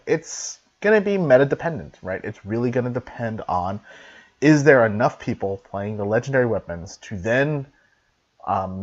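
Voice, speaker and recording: A man giving a casual card game review, chatty and animated, who swears freely. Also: on the low side. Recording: dull lo-fi mic.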